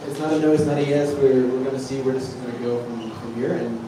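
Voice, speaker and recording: A man's voice: medium pitch, flat delivery, fast. Filmmaker guy fumbling for words at a press q&a, far from the mic, big echo. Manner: hesitant, searching for words, many fillers and restarts. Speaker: documentary filmmaker. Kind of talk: press Q&A answers. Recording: echoey room, distant mic, noisy.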